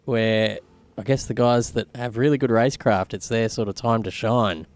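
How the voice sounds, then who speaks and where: A man's voice: lowish voice, fairly even intonation, moderate pace. A man hosting live race commentary in a conversational, colloquial manner. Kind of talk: live sim racing commentary.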